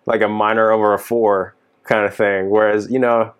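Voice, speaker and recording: A man's voice: lowish voice, normal speed, clear, resonant tone, muffled recording. A man in his thirties from Texas, a working musician, chatting casually and rambling with lots of fillers. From Dallas, Texas. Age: 30s. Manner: relaxed, rambling, many fillers like "you know". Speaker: touring keyboard musician. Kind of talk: casual podcast chat.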